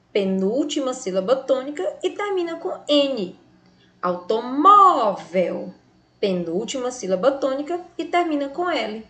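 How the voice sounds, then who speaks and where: Slow, high-voiced Brazilian woman teaching. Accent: Brazilian Portuguese. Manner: slow, clearly articulated, stretching example words for emphasis. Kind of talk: recorded grammar lesson.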